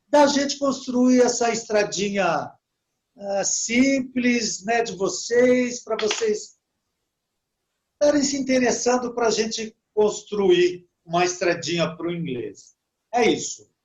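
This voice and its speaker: A man with a high-sitting voice teaches English to a Portuguese-speaking audience online in a relaxed way, over poor audio. He habitually adds "né?" and slows down when modeling English words.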